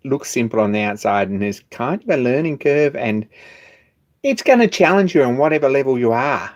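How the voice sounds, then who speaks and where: A man's voice: mid-range voice, sing-song, moderate pace. A man, hosting a hobby machine shop live stream and chatting casually, rambling with restarts and chuckling now and then.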